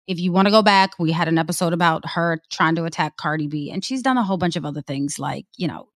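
Lively sarcastic woman podcast host. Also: lowish voice, no echo, studio quality. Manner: sarcastic, animated commentary. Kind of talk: casual podcast chat.

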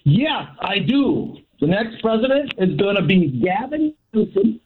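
A man's voice: high voice, big pitch swings, measured pace, slightly rough. Man calling in on speakerphone. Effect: on speakerphone over a phone line. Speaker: radio call-in caller. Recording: tinny echoey speakerphone call.

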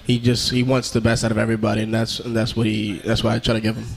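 A man's voice: lowish voice, completely flat delivery, quick pace, low-quality recording. A young man, a college football player, answering radio interview questions in a laid-back, brief way. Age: young adult. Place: restaurant.

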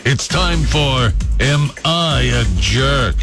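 A man reading a scripted radio promo voice-over in a slow, dramatic, heavily inflected way. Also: medium pitch, expressive, over music. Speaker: radio segment announcer.

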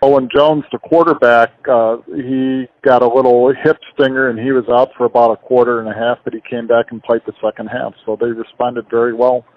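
A middle-aged or older man, a football coach, answering interview questions in halting short phrases. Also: medium pitch, flat delivery, no room sound. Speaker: high school football coach. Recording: dull, band-limited radio interview audio.

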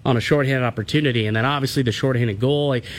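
A man's voice: medium pitch, steady tone, quick pace. A man with a mid-range voice gives casual sports analysis as a radio co-host. He is emphatic and likes to hammer points by repetition.

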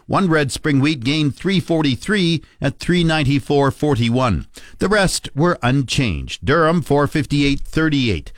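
Male farm-radio host, animated pitch swings, dry close studio sound, scripted radio farm report read. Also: no room sound. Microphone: close studio microphone.

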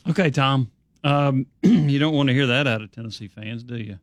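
A man's voice: medium pitch, normal speed, no echo, clean studio sound. A man hosting a sports talk radio show and fielding calls from listeners.

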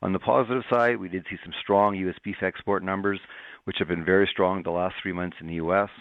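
A man's voice: low-pitched, fairly even intonation, fast talker, no echo. A man giving a scripted market analysis as a livestock economist on a radio farm report. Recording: muffled narrow phone-like line.

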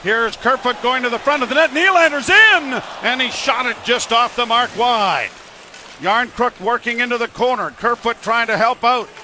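Male hockey play-by-play commentator. Rapid running call, high voice, forceful bright edge. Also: a little hiss or hum.

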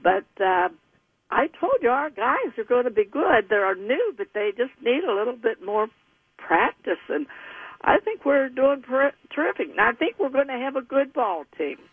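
A woman's voice: high-pitched, very animated, normal speed, slightly rough, no echo. A woman in her nineties calling in, chatting in a rambling way, heard over a phone line on the radio. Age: 90s. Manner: chatty, rambling baseball talk. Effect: phone call heard over the radio. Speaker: caller. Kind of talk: casual phone chat. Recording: tinny dry phone line.

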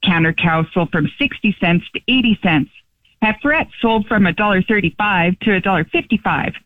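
A woman's voice: fairly low pitch, no room sound. A woman with a Canadian accent reading a scripted livestock market farm report for radio over a phone line. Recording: tinny, dry phone line.

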